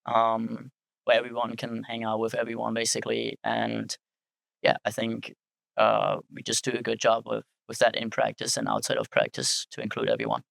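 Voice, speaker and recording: A man's voice: mid-range voice, normal speed, gravelly, a bit bright, no echo, poor audio. A young man, a college soccer player giving easygoing, conversational interview answers. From Germany. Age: young adult.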